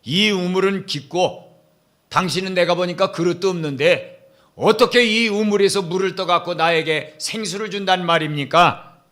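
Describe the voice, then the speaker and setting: Sarcastic well woman, blunt retorts, fairly high voice as a male preacher retells her. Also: normal speed, a bit bright. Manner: scornful, retorting.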